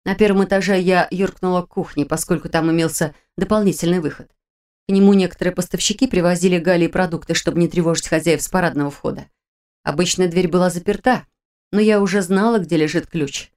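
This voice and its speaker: A woman reading a first-person fantasy audiobook in an even, expressive storytelling manner. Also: fairly low pitch, fast talker. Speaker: audiobook narrator.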